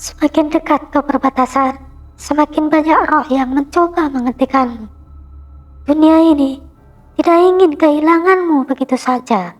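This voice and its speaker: A man voicing a mysterious, calm woman who guides travellers through a spirit world, speaking in a solemn, measured way. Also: very high voice, faint music behind, voice pushed up.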